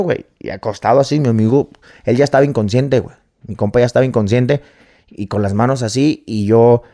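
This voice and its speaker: A man's voice: mid-range voice, mellow. Mexican man telling a story, slang-heavy. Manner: swears freely, fills every phrase with slang tags. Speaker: guest. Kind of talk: casual storytelling.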